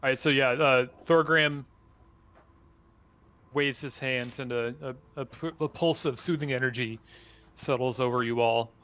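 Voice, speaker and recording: A man's voice: mid-range voice, steady tone, measured pace, long pauses, fairly bright tone, clear, resonant tone. A man narrating a tabletop game as dungeon master, stumbling through restarts and fillers.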